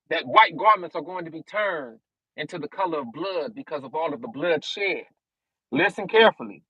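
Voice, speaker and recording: A man's voice: sits high, pushed and bright, husky, dry recording, low-quality recording. Young man, live-stream street preacher, dry close sound, reads scripture then riffs on it, talks straight to the audience. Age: young adult. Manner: reads verses aloud, then expounds and addresses listeners as y'all. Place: outdoors.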